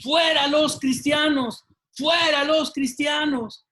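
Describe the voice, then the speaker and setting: A man voicing an angry street protester who shouts chants. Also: extremely high pitch, steady tone, takes it slowly, pitched above the performer's own voice, heavily acted. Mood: angry chanting.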